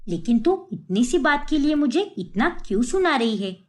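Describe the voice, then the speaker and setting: A woman voicing a homely, fussy older mother-in-law in a cartoon story, in a lowered, aged voice and a scolding manner. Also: big pitch swings, normal speed. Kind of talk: cartoon voice acting.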